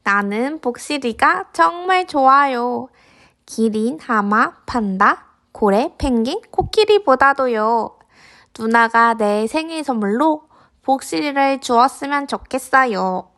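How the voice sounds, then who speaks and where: A woman's voice: sits high, animated, slow, fairly bright tone, exaggerated voice. A woman voicing an imaginative, envious little boy in a picture book read aloud to toddlers. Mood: wistful. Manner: childlike, simple storybook delivery for toddlers. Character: imaginative little boy envying his big sister's puppy. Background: background music.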